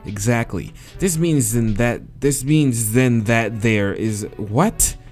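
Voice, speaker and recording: A man with a mid-range voice speaks slowly over faint music in a let's play of a visual novel. He reads the dialogue aloud and reacts, muttering hesitantly and swearing while choosing answers, then settles into steady reading.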